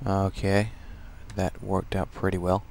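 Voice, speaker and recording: Slow-talking man cursing through a game walkthrough. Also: sits low, monotone, gravelly, slight background noise. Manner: profane, joking, talks back to enemies; swings from mumbling to loud outbursts. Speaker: gamer doing a walkthrough. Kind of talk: casual gameplay commentary.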